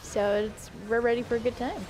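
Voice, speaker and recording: A woman's voice: fairly high pitch, steady tone, a little fast, darkish tone, a little hiss or hum. A woman chatting casually on a stream while she plays a game, laughing often. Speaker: guest streamer.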